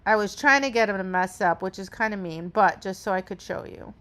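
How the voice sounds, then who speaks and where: This woman, a dog trainer, talks through a demonstration step by step, frequently checking in with "right?". Her voice is medium in pitch, fairly bright, and fairly quick.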